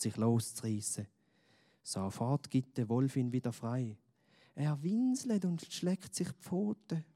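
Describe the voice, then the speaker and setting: Slow, mellow storyteller man. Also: mid-range voice. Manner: slow, gentle storytelling with questions. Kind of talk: children's story narration.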